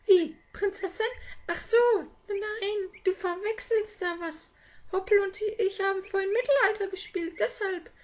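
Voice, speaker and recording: A woman's voice: very high voice, unhurried. A woman voicing an earnest young girl in a puppet theater play, talking in a pleading way. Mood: puzzled.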